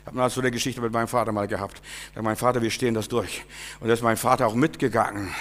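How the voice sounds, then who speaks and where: Bright-voiced preacher man, fervent and dramatic. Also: fairly even intonation, quick pace. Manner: swings from loud, high exclamations to quiet, low asides; repeats words and restarts sentences in fervor. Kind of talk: sermon.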